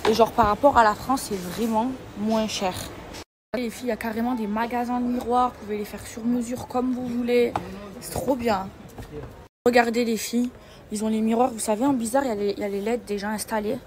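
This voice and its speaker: Talking a little fast in a voice on the high side with fairly even intonation, a woman in her thirties vlogs over background noise. She films herself on the go, indoors then in the car and shops, chatting and calling out to her viewers.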